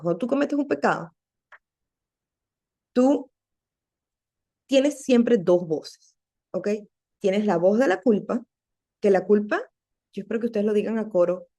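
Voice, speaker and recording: A woman giving an earnest, conversational devotional talk to other women, often checking in with quick rhetorical questions. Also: mid-range voice, dark tone. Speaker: women's ministry teacher.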